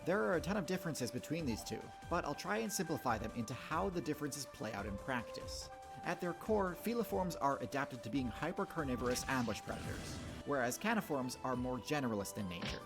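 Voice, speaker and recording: A man reads scripted explainer narration in a mock-documentary style. His pitch is average for a man but moves in a highly animated way, and music plays clearly underneath. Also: fairly quick. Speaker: video narrator.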